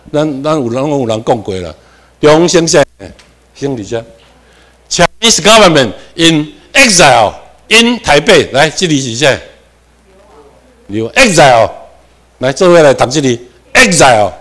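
Animated Taiwanese-accented man lecturing. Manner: animated, with sudden rises in pitch and volume for emphasis. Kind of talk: classroom lecture. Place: lecture room.

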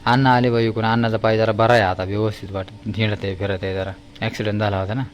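A young man filming a casual family vlog, loud and teasing, talking straight to his viewers. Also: fairly low pitch, monotone, quick pace, over loud music. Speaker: vlogger.

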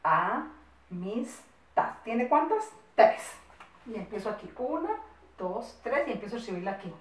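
Woman, Colombian accent, first-grade teacher, affectionate singsong, slow dictation, echoey room, distant mic. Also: a little high, very animated, a little mellow. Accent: Colombian Spanish. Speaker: primary school teacher. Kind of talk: recorded first-grade class for children.

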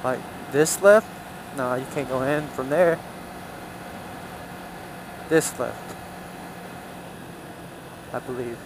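Speaking slowly at a medium pitch and pausing often, a man vlogs from his motorcycle on city roads. His talk is casual and meandering, like thinking aloud, with background noise behind him.

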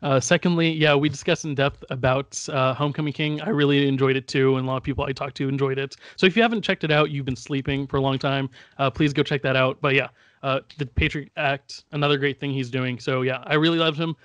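A young man hosting a casual podcast chat from home over a headset on a video call, easygoing and quick to laugh. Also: mid-range voice, steady tone, a bit bright, no echo. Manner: easygoing, laughs often, bursts out in mock outrage. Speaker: podcast host running the draft. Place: home room. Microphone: headset with desk mic, video call.

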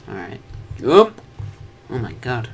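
Young guy doing chill let's-play commentary, slow and chatty, bit of noise in the background. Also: mid-range voice, wildly swooping pitch, creaky. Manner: chatty, jokey, talks to himself and the viewers. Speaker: gaming commentator.

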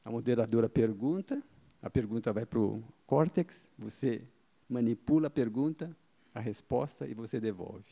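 Gravelly and dark in tone, the man's medium-pitched voice moves at a moderate pace with lively intonation. A middle-aged marketing speaker, he addresses a seated event-hall audience through a handheld microphone, answering his own questions and sprinkling in "tá?" as he explains.

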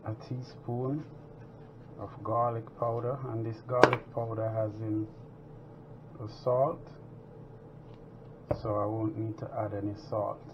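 Slow-paced with long pauses, this fairly low-pitched man hosts a cooking show at home, chatting casually while he cooks. The audio is dull and lo-fi, with kitchen sounds in the background.

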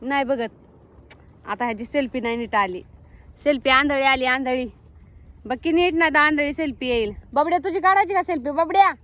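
A woman's voice: sits high, a little fast, fairly bright tone, no echo. A young woman with a rural Marathi accent, chatting as she films her farm vlog outdoors on a handheld phone, calling out to animals and family. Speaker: vlogger.

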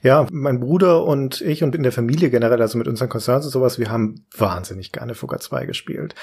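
A man's voice: mid-range voice, a little mellow, breathy edge. A man hosting a podcast interview, asking questions and sharing his own memories in a friendly way. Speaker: podcast host. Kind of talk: interview questions, casual chat.

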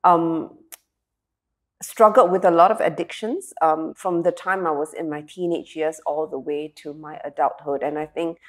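Her voice is low, with fairly even intonation and a normal speed. This guest, a woman from Singapore in her 40s who speaks on emotional resilience, shares her story earnestly and reflectively, using fillers and restarts, in a candid interview recorded with a lapel mic on a studio set with sofas.

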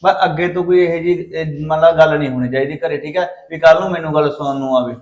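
A man playing a fast, lecturing soldier son, Punjabi accent, somewhat high voice. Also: steady tone, echoey room, natural voice. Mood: stern. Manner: scolding, lecturing. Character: stern soldier son, young adult man, quick-tempered. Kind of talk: Punjabi short film acting.

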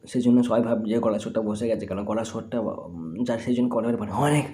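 A man from West Bengal talking in a rambling, chatty vlog, his voice hoarse and strained. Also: fairly low pitch, fast talker, mellow. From West Bengal, India. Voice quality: husky, strained voice. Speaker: vlogger. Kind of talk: casual vlog chat.

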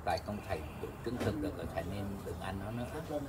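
Fast-talking man, urging. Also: fairly low pitch, animated, a crowd in the background. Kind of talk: casual chat. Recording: noisy background.

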